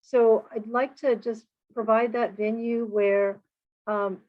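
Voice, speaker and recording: A woman moderating a board meeting, speaking in a measured way with frequent pauses, heard through conference call audio. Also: a little high, level tone. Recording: dull lo-fi conference call line.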